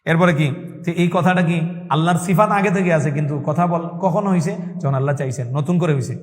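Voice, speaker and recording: A man's voice: on the high side, brisk, long reverb tail. A male Islamic teacher giving a religious lesson, asking questions and answering them himself, repeating key points and chanting Arabic verses. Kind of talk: religious lesson in call-and-response.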